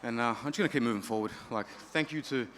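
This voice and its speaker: A man's voice: mid-range voice, very fast, fairly bright tone, a little hiss or hum. A man giving a humble, gracious post-fight interview after a loss.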